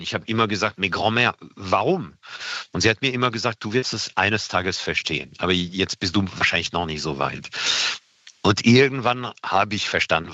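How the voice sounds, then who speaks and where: A middle-aged man with a French accent talks earnestly in an interview, pausing often and filling gaps with hesitations. His voice sits low but sounds bright and forceful. The recording is dull and lo-fi. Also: no echo. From France. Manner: earnest, hesitant with many fillers. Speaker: guest. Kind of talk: radio interview.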